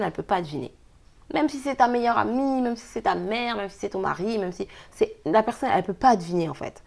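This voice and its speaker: A woman's voice: mid-range voice, vocal fry. A woman giving a casual daily card reading, chatty and emphatic, breaking into laughs as she gives advice. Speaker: tarot card reader.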